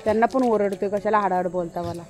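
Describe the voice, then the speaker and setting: A woman's voice: mid-range voice, fast, loud music behind the voice. A woman vlogging outdoors in light rain, filming on a handheld camera while she coaxes and scolds her dogs. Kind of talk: casual vlog talk. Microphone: handheld camera while walking.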